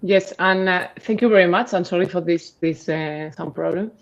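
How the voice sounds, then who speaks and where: A woman's voice: on the low side, normal speed, vocal fry. A woman researcher, an architect, introducing herself hesitantly and apologetically, with many fillers, over glitchy, corrupted audio with sound problems. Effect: glitchy, degraded audio with sound problems. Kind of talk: self-introduction at an online conference talk. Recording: dull lo-fi remote audio.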